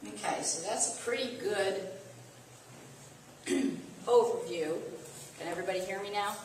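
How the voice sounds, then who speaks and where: Midwestern woman, relaxed group talk, mid pitch, echoey room, distant mic. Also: a little slow, a little hiss or hum. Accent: Midwestern American. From American Midwest. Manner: conversational, with fillers and self-corrections. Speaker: volunteer speaker. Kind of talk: casual talk to a small audience.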